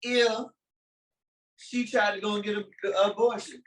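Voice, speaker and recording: Podcast co-host: man, high lively voice, bright, playful provocateur, slightly distant mic. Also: moderate pace, slight background noise. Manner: loud, playful, provoking the others with questions. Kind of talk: casual podcast chat.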